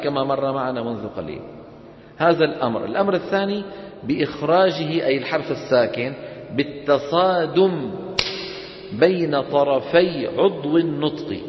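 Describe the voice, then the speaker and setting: A man's voice: on the high side, slight background noise. A man teaching Quran recitation to a class, quizzing his students and having them repeat after him. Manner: questioning, drilling students call-and-response. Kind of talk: classroom instruction. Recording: echoey hall, dull sound.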